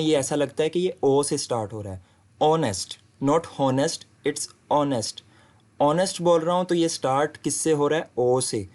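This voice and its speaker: A man giving a recorded lesson, reading example sentences slowly and clearly. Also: a little high. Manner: slow, deliberate reading of English example sentences. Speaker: English teacher. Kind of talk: video lecture.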